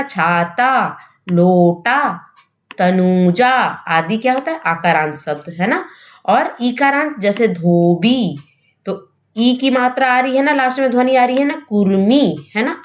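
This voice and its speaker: Woman teaching a grammar lesson, asks and answers her own questions, keeps checking with the class, slows down on example words. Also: mid-range voice. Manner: asks questions and answers them herself, often adds "है ना?". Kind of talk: exam-prep grammar lesson.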